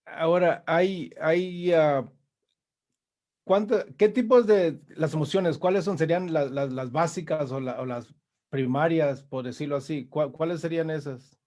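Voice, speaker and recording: A man's voice: on the high side, measured pace, a little mellow. A man interviewing a guest, asking questions hesitantly with many restarts.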